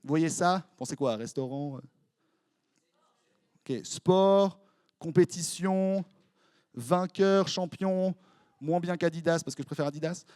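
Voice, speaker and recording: A young man with a Swiss French accent, preaching as a youth pastor in a lively, joking way, quizzing his congregation. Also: a little high, clear, resonant tone, no echo, studio quality. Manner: playful, jokey, quick asides to the crowd. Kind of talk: lively sermon with audience interaction. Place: church hall before a congregation.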